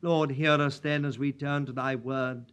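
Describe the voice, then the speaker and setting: A man preaching in a church, praying and reading scripture in a solemn, measured way at a pulpit microphone. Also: medium pitch, steady tone, fairly bright tone, clean tone. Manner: solemn and measured, old-fashioned prayer wording. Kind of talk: sermon with prayer and scripture reading.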